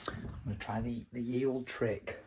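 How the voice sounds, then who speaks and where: A man's voice: medium pitch, fairly even intonation, normal speed, background noise. A man, talking casually to his vlog camera in a chatty, enthusiastic way. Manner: chatty and enthusiastic, with filler likes. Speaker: vlogger.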